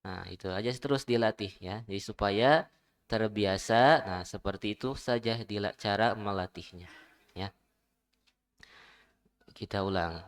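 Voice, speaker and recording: A man's voice: fairly low pitch, clean tone. A man teaching Quran recitation, modeling each syllable and patiently correcting pronunciation. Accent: Indonesian. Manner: repeats syllables slowly and corrects gently.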